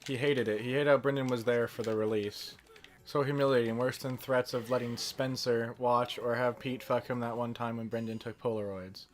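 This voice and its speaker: A man reading a story aloud deadpan while gaming, with offhand asides. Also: medium pitch, normal speed. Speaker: fan fiction reader.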